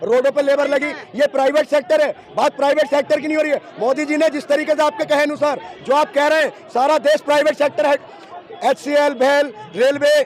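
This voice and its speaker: A man's voice: very high voice, steady tone, fairly quick, a faint crowd. A man arguing in a heated street debate outdoors, firing off one rhetorical question after another. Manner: argumentative, fires rhetorical questions. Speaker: debate participant.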